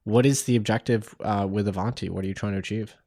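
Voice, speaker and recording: A man hosting an interview podcast, talking in a relaxed, halting way with many fillers. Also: on the low side, no room sound. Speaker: podcast host.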